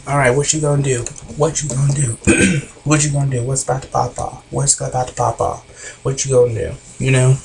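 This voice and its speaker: A man's voice: medium pitch, vocal fry, very noisy. A man giving a blunt, rambling, profane recap of a reality show episode.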